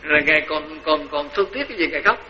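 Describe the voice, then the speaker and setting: A man with a Southern Vietnamese accent voicing a puzzled male disciple who asks soft, quizzical questions inside a sermon. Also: on the high side, expressive, rapid-fire, roomy sound, highs cut off, voice pushed down, close to an everyday voice.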